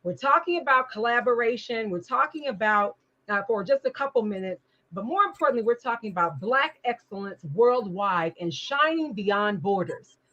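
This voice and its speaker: A woman's voice: fairly high pitch, lively intonation, normal speed, pushed and bright, lo-fi sound. A woman hosting an interview, asking long, encouraging questions that she rephrases as she goes. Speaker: talk show host. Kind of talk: interview conversation.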